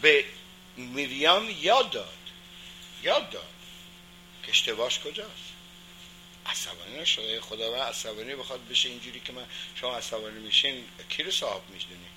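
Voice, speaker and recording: Man, religious teacher, emphatic, quizzes his class, sharp bright tone, faint hum behind. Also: medium pitch, rough recording. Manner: emphatic, asks the class questions and answers them.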